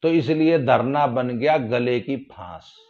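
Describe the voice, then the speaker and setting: A man giving casual spoken commentary, folksy and sarcastic, getting loud when he stresses a point. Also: mid-range voice, slow pace, lo-fi sound. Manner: folksy, sarcastic, rises loudly for emphasis. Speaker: political commentator.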